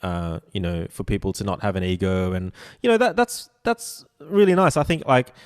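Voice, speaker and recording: A podcast host in his forties asks long, meandering questions, stopping and restarting often and swearing casually. His voice sits fairly low. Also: expressive, smooth. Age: 40s. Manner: rambling, halting, many fillers and restarts, casual swearing.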